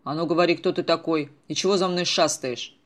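A man voicing a gruff, commanding adult police captain who talks loudly. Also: on the high side, lively intonation, brisk, natural voice. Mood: menacing. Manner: loud, brusque, commanding.

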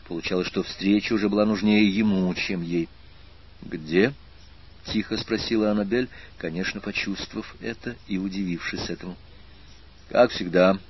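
A male audiobook narrator reading in a measured, expressive way. His voice is low and husky. The recording is slightly dull. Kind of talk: scripted narration.

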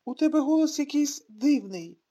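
A woman's voice: high voice, animated, normal speed, dark tone, voice pushed up. A woman reading an audiobook, voicing an anxious elderly mother asking questions on the phone. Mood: worried. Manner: worried, questioning.

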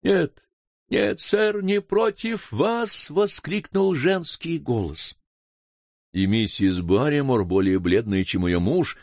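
A man reading an audiobook aloud with expressive narration. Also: on the low side, no echo. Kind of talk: scripted narration.

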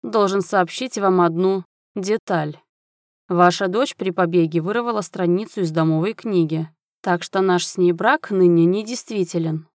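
Woman narrating as stern cold lord, curt commands, low voice, dry booth. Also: moderate pace, no room sound, natural voice. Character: stern cold male military lord, quick to anger.

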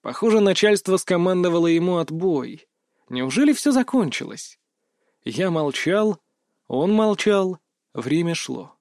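A man's voice: high voice, big pitch swings, a little slow, darkish tone, no echo. Man narrating an audiobook, dry sound. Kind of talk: first-person audiobook narration.

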